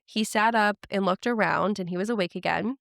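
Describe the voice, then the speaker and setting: Woman host, casual podcast storyteller, smooth clear voice, dry close sound, chatty fillers. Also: medium pitch, brisk, a bit bright, no echo. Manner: chatty retelling with frequent "like" fillers.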